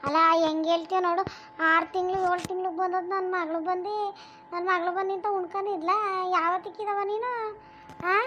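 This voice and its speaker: A woman's voice: extremely high pitch, flat delivery, fairly quick, a bit bright, lo-fi sound, faint music behind. A woman voicing a bitter old village grandmother in a cartoon, nagging and self-pitying as she scolds her daughter-in-law. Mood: scolding. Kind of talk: cartoon voice acting.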